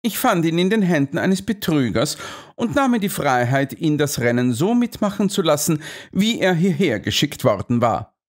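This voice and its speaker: A male audiobook narrator voicing a calm, unshakable detective who speaks with quiet assurance. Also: a little high, voice pushed up. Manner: composed, unhurried and assured. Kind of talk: audiobook character voice.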